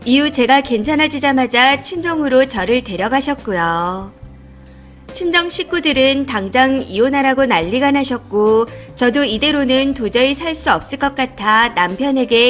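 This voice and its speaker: A woman narrating a reader's life story in the first person, in a confiding, indignant telling. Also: sits high.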